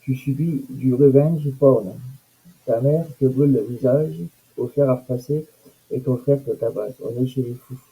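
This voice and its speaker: A man's voice: mid-range voice, normal speed, warm tone, husky, low-quality recording. A man giving casual, sarcastic commentary on news items and comments, with mocking asides.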